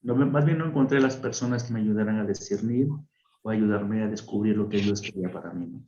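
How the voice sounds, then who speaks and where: Man, friar, radio interview, animated storytelling, echoey room, dull sound. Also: fairly low pitch, brisk. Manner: animated storyteller who acts out voices. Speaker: friar telling his story. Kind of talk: radio interview, personal testimony. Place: radio studio.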